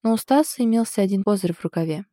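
A woman narrating a romance audiobook in a calm, even storytelling manner. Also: mid-range voice, fast, no room sound, clean studio sound.

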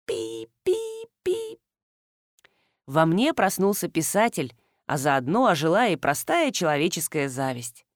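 A woman narrating a first-person story in a wry, brisk way with animated dialogue. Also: sits low, no room sound, studio quality. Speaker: audiobook narrator.

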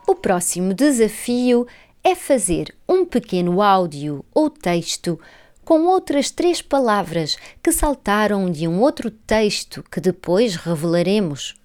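Woman radio host, unhurried and melodic delivery for a poetry segment. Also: medium pitch. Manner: slow, deliberate reading with expressive rises and falls. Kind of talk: radio program announcements and poetry reading.

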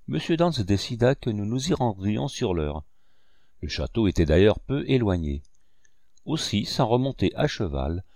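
Low-voiced, expressive male storyteller. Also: no echo, studio quality. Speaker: audiobook narrator. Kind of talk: scripted narration.

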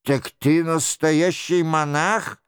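A man reading the part of a stern lawyer who questions a captive with cold, clipped questions in a low, muffled voice. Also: steady tone, takes it slowly, clear, resonant tone, dry recording, clean studio sound. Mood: menacing. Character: stern menacing male lawyer interrogating at swordpoint. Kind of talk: audiobook character reading.

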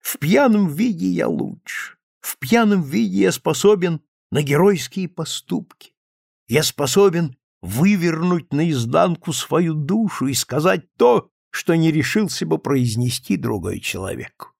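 A maudlin drunk man pours out his heart in an emphatic, swinging voice with a gravelly edge, as a male reader puts him on. He pleads and boasts by turns in an audiobook reading. The sound is close and dry. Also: a little high, animated, unhurried, a little mellow, dry recording, voice pushed up, full character voice. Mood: effusive, confessing. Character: drunken, self-pitying male friend confessing.

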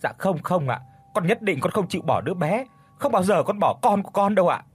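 A man voicing a frightened young pregnant wife in an audio storybook, with a trembling, tearful, pleading manner and a husky tone. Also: sits high, very animated, fairly quick, voice pushed up, full character voice.

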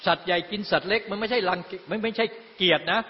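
High-voiced man preaching in an echoing hall. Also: fast talker. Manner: conversational preaching with repeated tag questions. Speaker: dharma teacher. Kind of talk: dharma talk to retreat participants. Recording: dull lo-fi sound in a long-reverb hall.

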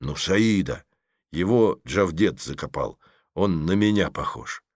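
A man's voice: low voice, animated, measured pace, no room sound, clean studio sound, voice pushed down, exaggerated voice. A man voicing an eager schoolboy who keeps whispering spoilers during a film. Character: schoolboy Petrov, chatty know-it-all.

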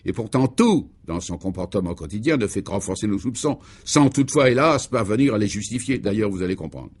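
A man playing an excitable, pompous male security chief in a radio serial, who talks in an emphatic, declamatory way. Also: fairly low pitch, brisk, breathy edge. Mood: vehement. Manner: agitated and exclamatory. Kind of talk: 1950s-style French radio serial acting.

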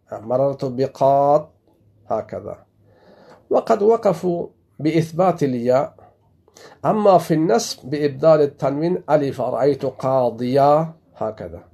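A man teaching a grammar lesson, explaining slowly and repeating his examples, dropping low as he closes each one. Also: dark tone. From Afghanistan. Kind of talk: classroom lesson explaining a text.

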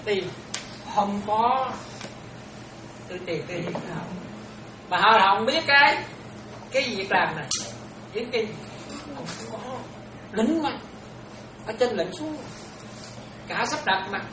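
A woman's voice: mid-range voice, lively intonation, slow pace, long pauses. Woman giving a dharma talk, chatty, keeps asking if they follow, roomy far-off noisy recording. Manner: chatty, checks listeners often, laughs. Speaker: Buddhist nun teacher. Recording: echoey room, distant mic, noisy.

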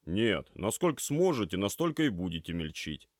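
A man voicing a gruff, calm male shop owner who speaks in a matter-of-fact way. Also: fairly low pitch, normal speed, no echo, studio quality, voice pushed up.

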